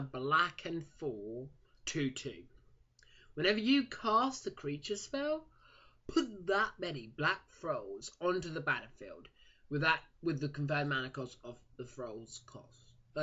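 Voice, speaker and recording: Chatty male card reviewer, lively up-and-down delivery, dull lo-fi home recording. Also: fairly high pitch. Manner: chatty, stumbles over card names and jokes at himself. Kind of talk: casual card review monologue.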